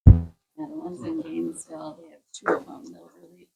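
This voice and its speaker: A woman's voice: fairly low pitch, sing-song, brisk, creaky, over loud music. A woman visitor chatting casually and asking questions during a cave tour. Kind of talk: casual chat.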